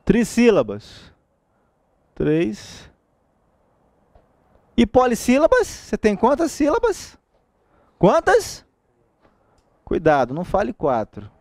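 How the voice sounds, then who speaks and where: A man's voice: sits high, takes it slowly, long pauses, no echo. A man with a Brazilian Portuguese accent giving an exam-prep grammar lecture, asking rhetorical questions and checking in with the class often. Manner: lively, asks rhetorical questions, frequent checks like "tá?". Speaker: teacher.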